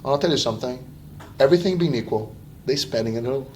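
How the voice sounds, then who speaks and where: A man's voice: mid-range voice, fast talker. Male motivational speaker, emphatic repetition and acted-out quotes, distant echoey sound with faint noise. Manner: animated, rhetorical questions, acts out imagined quotes; repeats phrases for emphasis. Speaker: speaker giving a wealth seminar. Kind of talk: motivational seminar talk.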